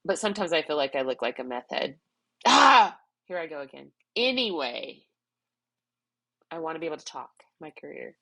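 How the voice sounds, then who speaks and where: A middle-aged woman vlogger talks through her thoughts in an emotional personal vlog, rambling and self-reflective as she cries and sounds congested. Her voice is low, creaky, pushed and bright, very animated at a moderate pace with frequent pauses. The recording is dry.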